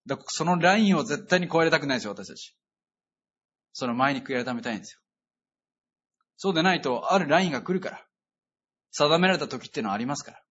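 A man preaching a sermon in an earnest, emphatic way, often pausing on fillers. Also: on the high side, a bit bright, breathy edge, muffled recording. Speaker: pastor.

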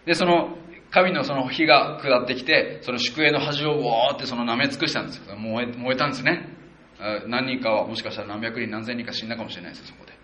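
A man preaching a conversational sermon as a pastor, working through a Bible passage verse by verse and acting out quotes with animated shifts in voice. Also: fast, reverberant, highs cut off. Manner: animated, acts out quotes of the people with shifts of pitch; conversational, with self-corrections and fillers.

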